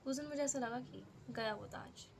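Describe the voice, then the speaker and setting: A woman's voice: high-pitched, moderate pace, gravelly, slight background noise. A young woman vlogger telling a personal story in a candid, confessional and emotional way. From India. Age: young adult.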